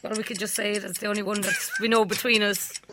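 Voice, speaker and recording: A woman's voice: mid-range voice, little pitch movement, fast talker. A woman from the west of Ireland with a west of Ireland accent, chatting casually as a quiz contestant. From County Mayo, west of Ireland. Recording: noticeable background noise.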